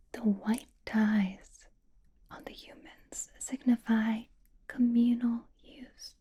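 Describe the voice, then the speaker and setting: Playing a seductive, possessive female vampire in an ASMR roleplay, a woman teases and dotes in a soft, breathy whisper. Her medium-pitched delivery is slow and deliberate.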